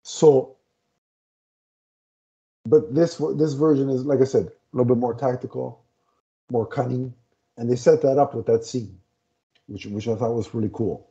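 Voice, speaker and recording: A man on a casual comic review podcast talks from a home room via headset, his warm, medium-pitched voice holding fairly even intonation at normal speed. He co-hosts with long pauses, often searching for words, and the video call audio sounds dull and lo-fi.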